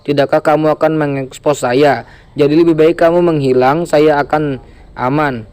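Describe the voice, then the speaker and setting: A man's voice: a little high, fairly even intonation, moderate pace, darkish tone, smooth, lightly acted. A cold scheming woman boss, read by a man. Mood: scornful. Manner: mocking and cold.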